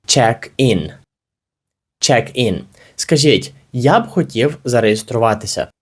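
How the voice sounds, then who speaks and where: A man teaching an English lesson, explaining with energy and saying the model phrases slowly and carefully. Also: medium pitch, expressive, breathy edge.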